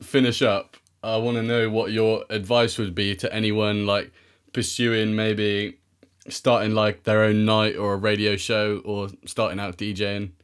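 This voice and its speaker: A man's voice: fairly low pitch, flat delivery, measured pace, clear, resonant tone. A man interviewing a guest casually, giving brief, encouraging reactions and questions.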